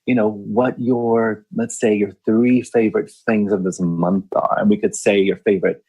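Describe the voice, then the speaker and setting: A man co-hosting a chat podcast, low and gravelly with a husky edge. He talks in a theatrical, flirty way and laughs readily. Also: steady tone, normal speed, dark tone. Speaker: podcast co-host, life coach. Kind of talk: casual chat.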